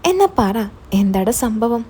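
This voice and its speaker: A woman's voice: on the high side, sing-song, a little slow, warm tone, breathy edge, full character voice. A woman voicing a blunt, teasing young man who is the hero's old college friend. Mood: scolding.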